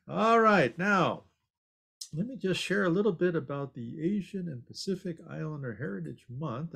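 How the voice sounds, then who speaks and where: A man's voice: fairly high pitch, vocal fry, a bit bright, breathy edge. An older man from Long Beach, California, teaching an online ukulele class over a video call, friendly and upbeat as he talks to his students. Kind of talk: online class, singing then explaining. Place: home room at desk. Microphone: video call webcam.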